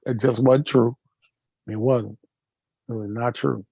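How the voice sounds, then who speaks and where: A man on a podcast speaking slowly and sincerely, reflecting on the past. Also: mid-range voice, steady tone, gravelly, warm tone, breathy edge, dry recording, poor audio. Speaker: guest. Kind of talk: casual podcast discussion.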